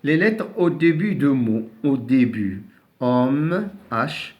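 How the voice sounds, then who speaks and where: A man teaching a lesson, saying words slowly, repeating them and spelling out letters, with frequent hesitations and restarts. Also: medium pitch, lively intonation, a little mellow. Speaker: French teacher. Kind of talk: classroom lesson on silent letters.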